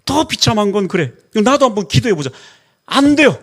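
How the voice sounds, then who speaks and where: A middle-aged male pastor delivers a sermon with a lively, swooping delivery and a gravelly edge to his voice. He tells stories animatedly and acts out the quoted dialogue within them. His voice sits slightly high for a man. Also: fast.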